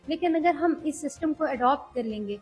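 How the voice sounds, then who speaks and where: A young woman speaking earnestly as an interview guest, measured and hesitant at times. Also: high-pitched, lively intonation, a little mellow, soft background music, poor audio. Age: young adult. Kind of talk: political interview.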